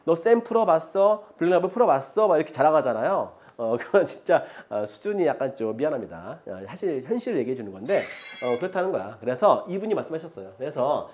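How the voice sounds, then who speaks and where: Animated middle-aged man teaching math. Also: mid-range voice, quick pace, few pauses. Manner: chatty, mixes polite and casual speech, often checks in with the students; often laughs as he talks. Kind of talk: lecture.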